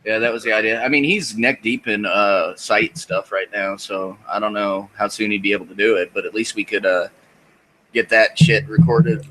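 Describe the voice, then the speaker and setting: A man's voice: on the low side, fairly even intonation, moderate pace, fairly bright tone, poor audio. A man in his thirties, a podcast host chatting casually in a rambling, profane, self-deprecating way. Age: 30s. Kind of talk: casual chat.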